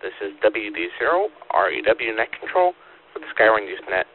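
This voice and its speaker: Man over static-filled radio, low voice. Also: big pitch swings, a little fast. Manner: procedural, repeating call signs and details back. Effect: two-way radio transmission. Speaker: amateur radio net controller. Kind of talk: formal scripted radio check-in procedure. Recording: phone-like radio static and hum. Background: radio static and hum.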